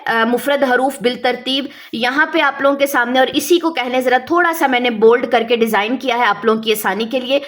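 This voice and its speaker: A woman with a high, bright voice teaches a beginners' class step by step. She explains each point patiently, then sounds out letters slowly and draws them long. Her tone stays clear and instructive. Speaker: Quran reading teacher. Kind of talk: step-by-step lesson.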